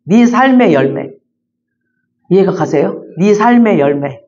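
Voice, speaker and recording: A woman pastor preaching in a chatty, animated storytelling manner, full of repeated fillers. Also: fairly low pitch, a little slow. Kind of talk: storytelling sermon. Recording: dull lo-fi recording.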